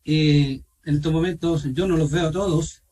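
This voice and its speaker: A man with a Chilean accent teaching an online Bible study, asking his listeners questions and pausing with fillers. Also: on the high side, steady tone, mellow, distant mic, rough recording. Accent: Chilean Spanish. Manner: asks questions of the group, repeats himself, pauses with fillers. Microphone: video call.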